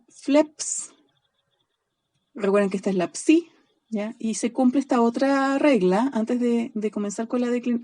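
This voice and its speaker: Checking in with a brisk "ya?" almost line by line, a woman teaching Greek patiently spells out word endings in a recorded online lesson. She speaks on the high side with a warm tone.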